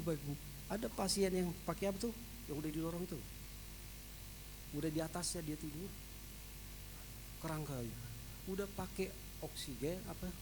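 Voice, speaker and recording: A male pastor, telling a story in a lively, animated sermon in a large church. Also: on the high side, background noise. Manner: lively, animated storytelling that shouts out quoted voices. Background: worship music.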